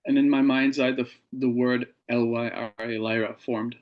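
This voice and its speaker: Slowly and earnestly, a male interview guest recounts a personal experience, his mid-range voice staying level and flat with little rise or fall. The audio comes across dull and lo-fi.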